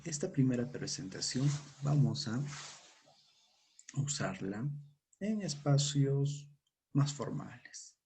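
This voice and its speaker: A man's voice: medium pitch, lively intonation, takes it slowly, vocal fry, long pauses, darkish tone, slight background noise. A man with a Peruvian Spanish accent teaching a language lesson, patiently repeating each word for learners to echo. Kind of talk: slow spoken language lesson.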